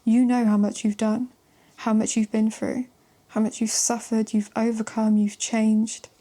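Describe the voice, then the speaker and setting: A woman giving a casual tarot love reading to camera, chatty and emphatic with casual swearing, sometimes dropping into a soft whisper. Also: a little high, flat delivery, a little slow. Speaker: tarot reader.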